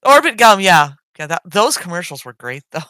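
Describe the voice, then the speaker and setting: A middle-aged woman co-hosting a podcast in casual chat, talking in an animated way with many sighs. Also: lowish voice, fairly quick, smooth, dry recording. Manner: animated, sighing, chatty. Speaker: podcast co-host.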